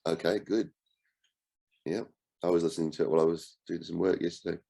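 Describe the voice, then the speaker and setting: A man with a cold and a croaky voice, hosting an online book discussion in a relaxed way and asking his group questions. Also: sits low, fairly quick. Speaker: book club host and coach.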